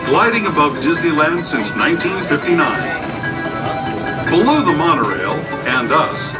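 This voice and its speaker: A friendly, folksy railroad guide with a higher male voice and swooping intonation. He narrates a theme-park tour like a storyteller. The sound is set back from the mic, under loud music. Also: very animated, a little slow. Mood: friendly guiding. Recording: distant train speaker under loud music.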